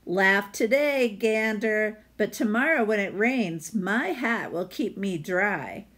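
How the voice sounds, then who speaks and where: A woman voicing a small, earnest male hedgehog with a high, eager voice in a storybook read-aloud. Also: animated, takes it slowly, fairly bright tone.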